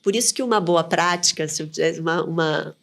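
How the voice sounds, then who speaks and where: A woman's voice: low-pitched, fairly quick, gravelly. A woman, a communication mentor being interviewed, who gives advice in short, firm phrases. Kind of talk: conversational podcast interview.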